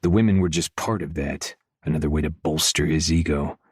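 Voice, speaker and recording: A man narrating a romance audiobook in first person, his voice very low and his delivery intimate and measured. He is recorded close to the mic in a dry, dead studio sound. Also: a little mellow, slightly rough, no room sound.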